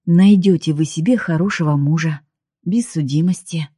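A kind-hearted police investigator in an audiobook, voiced by a woman speaks gently and soothingly. The tone is low and dark. The voice is husky and dry. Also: moderate pace, no echo.

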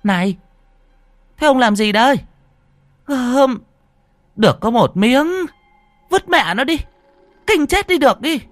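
Shrill scolding old wife. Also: female voice, expressive, takes it slowly, long pauses, no room sound, faint music behind. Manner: squealing, scolding. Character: shrill fussy peasant wife, older.

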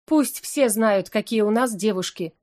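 A woman's voice: on the high side, lively intonation, normal speed, darkish tone, close to an everyday voice. A woman reading an audiobook, voicing a proud and bossy young royal sister who speaks in a grand, commanding way. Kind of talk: audiobook character voice.

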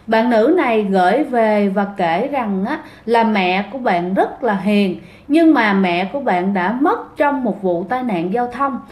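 A woman's voice: a little high, echoey room. A woman narrating ghost stories in a chatty way, often speaking straight to her listeners. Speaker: storyteller host. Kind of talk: casual ghost story narration.

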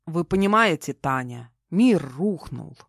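A woman reading an audiobook voices a distraught middle-aged man who talks slowly and heavily, full of self-reproach. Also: fairly low pitch, lively intonation, dry recording, studio quality. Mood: despairing. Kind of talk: audiobook character voice.

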